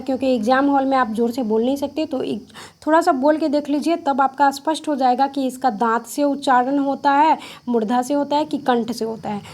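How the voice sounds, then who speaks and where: High-voiced woman teaching a grammar lesson. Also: a little mellow. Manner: asks questions and answers them herself, repeats key points; mixes English words into explanations. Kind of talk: exam-prep grammar lesson.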